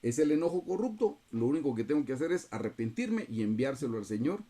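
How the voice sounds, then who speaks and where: A man's voice: mid-range voice, big pitch swings, fast, warm tone. A man teaching a Bible study over a video call, earnestly and often turning to his listeners as brothers.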